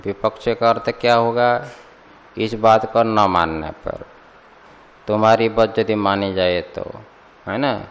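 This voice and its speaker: A man teaching a Sanskrit scripture class, explaining slowly and deliberately and putting questions to his students. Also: lowish voice, fairly even intonation. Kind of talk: classroom commentary lecture. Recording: long hall reverb.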